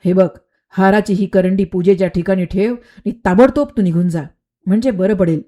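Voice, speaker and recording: A woman's voice: mid-range voice, moderate pace, mellow, natural voice. A woman voicing a scheming male royal minister who gives sly orders in a storybook tale. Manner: commanding, sly.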